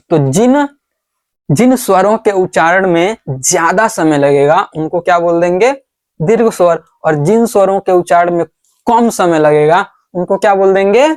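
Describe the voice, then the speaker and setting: A man teaching at the board at an unhurried, deliberate pace. He poses questions to his students and answers them himself. He repeats each word slowly as he writes it out. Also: a little high. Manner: repeats words slowly while writing on the board. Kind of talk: board lesson.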